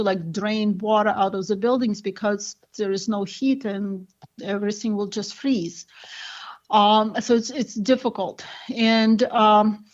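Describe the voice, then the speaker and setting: Interview guest: woman from Ukraine, earnest, hesitant, mid pitch, slightly dull audio. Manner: earnest, hesitant with many fillers. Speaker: doctor and advocate, interview guest. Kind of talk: conversational interview.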